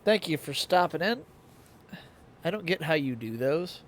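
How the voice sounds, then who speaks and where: Young male streamer, playful, animated up-and-down delivery, slightly high voice, hiccupy. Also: a little slow. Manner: playful, plays with his voice and octaves. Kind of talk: casual live-stream chat.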